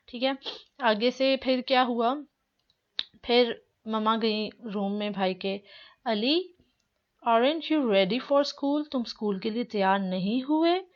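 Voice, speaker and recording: A woman teaching English, reading each line of a dialogue slowly and then explaining it. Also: mid-range voice. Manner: reads English lines slowly, then translates; repeats "ठीक है" between lines. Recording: dull lo-fi recording.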